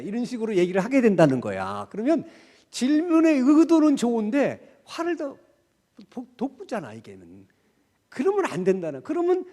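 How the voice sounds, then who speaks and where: A middle-aged man preaching a sermon at a Wednesday prayer meeting, speaking in a conversational way with rhetorical questions and gentle acted-out dialogue. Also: sits high. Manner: acts out gentle quoted dialogue. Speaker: pastor. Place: church sanctuary. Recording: long church hall reverb.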